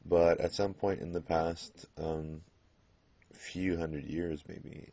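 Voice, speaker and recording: A man teaching a Spanish grammar lesson, explaining patiently and pausing on fillers as he works through examples. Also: low voice, little pitch movement, mellow. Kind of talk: classroom grammar lecture. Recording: dull lo-fi classroom recording.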